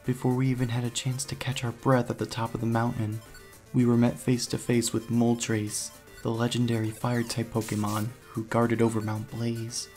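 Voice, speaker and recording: With music in the background, this man narrates a video game playthrough in character as the hero, reading a first-person script. His mid-range voice has a darkish tone and a completely flat delivery at normal speed.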